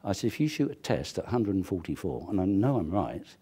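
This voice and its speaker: Husky older man telling film-set stories. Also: fairly quick. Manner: storytelling, acts out quoted dialogue with lively pitch. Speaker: film crew member recalling a shoot. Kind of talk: anecdotal interview.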